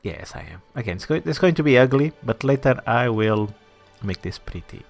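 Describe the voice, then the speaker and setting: A gaming channel host plays a city-building game and talks through it in an expressive, medium-pitched voice at normal speed, with faint music behind. He thinks out loud, mumbles asides, and drops to a whisper here and there. His tone with viewers is chatty and self-effacing.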